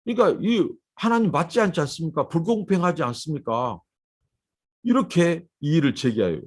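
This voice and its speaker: Male pastor, slightly high voice. Emphatic sermon delivery full of rhetorical questions. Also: animated, normal speed. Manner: voices the complaints of the clay pot and the child in a quoting tone.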